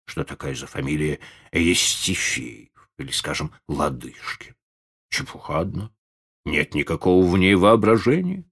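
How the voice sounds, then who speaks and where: A man's voice: extremely low pitch, gravelly, husky, pitched below the performer's own voice, full character voice. A man voicing a kindly, fretful old organ grinder who talks in a folksy, rambling way.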